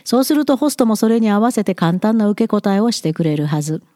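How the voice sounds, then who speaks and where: A woman's voice: medium pitch, expressive, fast talker, dark tone, no room sound, studio quality. A woman commenting on study abroad in a frank, blunt, lightly teasing advice monologue.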